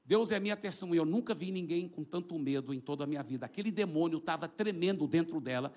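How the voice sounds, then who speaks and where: A middle-aged male pastor preaching to his church, with a fairly high voice. He tells his testimony in a dramatic way, acting out each moment. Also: expressive, fast talker, darkish tone. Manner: dramatic storytelling, acting out the scene. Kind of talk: sermon testimony. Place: church before a congregation.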